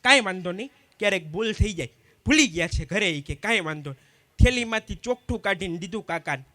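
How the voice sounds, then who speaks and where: A man telling stand-up jokes to a community gathering, swapping quickly between the sides of each dialogue. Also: high-pitched, animated, sharp tone, dry recording. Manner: quick anecdotal storytelling, acting out both sides of each exchange. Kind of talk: live stand-up joke telling.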